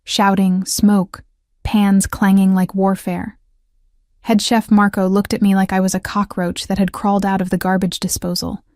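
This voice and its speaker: A woman narrating a first-person romance audiobook in a measured, even storytelling voice, close to the mic. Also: medium pitch, dry recording.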